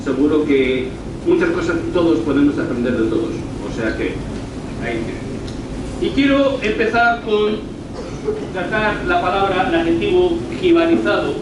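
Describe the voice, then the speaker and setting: Speaking with a northern Spanish accent, a middle-aged man from northern Spain delivers an informal university presentation in a high-pitched, animated voice. He is a lecturer who talks deliberately, restating and rewording his points. The lecture room is very echoey, and the distant mic catches clear noise.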